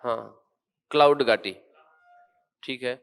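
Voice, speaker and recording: A man's voice: mid-range voice, slow pace, creaky, clean tone. A male teacher giving a geography lesson in a classroom, quizzing students and then explaining points firmly.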